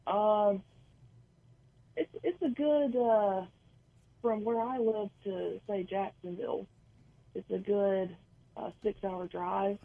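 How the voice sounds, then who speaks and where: A woman's voice: medium pitch, steady tone, slow, pauses often, no room sound. A woman calling in over the phone to a radio show, chatting casually with many hesitant ums and restarts. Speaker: caller. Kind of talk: casual chat. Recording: muffled phone line.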